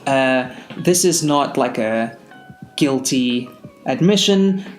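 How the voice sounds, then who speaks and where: A playful man co-hosting a casual podcast, slipping in jokey asides. His voice sits at a middle pitch and rings in a roomy, echoey space, with faint music behind him. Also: animated, takes it slowly. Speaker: podcast co-host. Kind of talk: casual chat.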